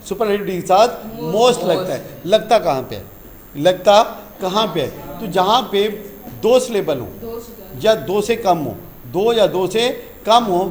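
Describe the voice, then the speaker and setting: A male teacher with a high-sitting voice runs a grammar lesson in class, quizzing students, repeating key terms, and addressing them as "beta."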